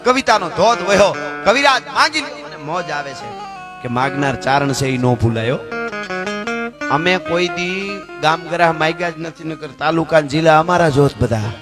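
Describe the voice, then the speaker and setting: A high-voiced male folk storyteller, declaiming and chanting verses live on stage. Plucked strings play clearly behind him through the stage microphone. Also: animated, moderate pace, over music.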